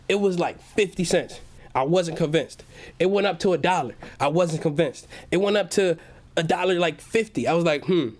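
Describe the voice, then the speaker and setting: High-voiced hype-man stock streamer. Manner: hype-man delivery, repeats each phrase, calls viewers "baby". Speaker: stock market livestream host. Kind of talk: energetic live-stream chat with viewers.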